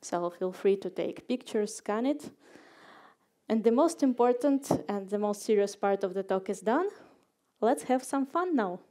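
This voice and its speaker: A woman's voice: mid-range voice, lively intonation, measured pace, warm tone. A young woman from Ukraine giving a casual, playful conference talk, with lots of fillers. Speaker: conference speaker. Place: conference hall stage.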